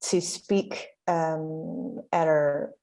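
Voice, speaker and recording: A Taiwan-born woman, a country chair and panelist, introduces herself on a video call via her laptop webcam from a bright indoor room. Her voice sits low, steady, creaky and warm, and she speaks very slowly and hesitantly with many fillers and restarts. Faint music plays behind her, and the recording is rough.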